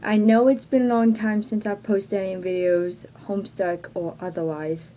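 A woman's voice: medium pitch, fairly even intonation, moderate pace, mellow, a little hiss or hum, poor audio. A young woman with a Texan accent making a casual announcement to her viewers, hesitant and self-conscious, filling her talk with "like," recorded on a webcam in a small bedroom. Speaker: vlogger. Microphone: webcam at close range.

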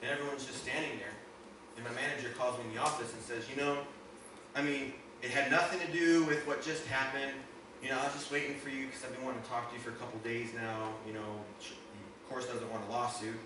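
A man's voice: mid-range voice, fairly even intonation, fast talker. Man preaching in an echoey church. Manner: storytelling, rising to emphatic preaching. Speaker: guest minister. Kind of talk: sermon testimony. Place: church sanctuary. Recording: echoey hall, distant mic, noisy.

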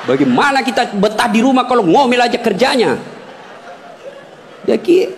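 Male preacher, high pitch, animated comic sermon, faint background noise. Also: moderate pace, creaky. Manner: animated, teasing, swings between shouting and crooning song snippets. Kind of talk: humorous sermon.

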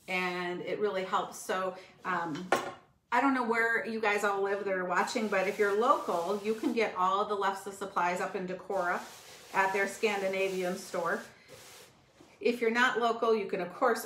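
In her indoor home kitchen, a middle-aged cooking show host with a medium-pitched, fairly bright voice chats amiably with viewers while working at the counter during a live demo. The sound, picked up by a fixed camera across the counter, carries a roomy echo and slight background noise.

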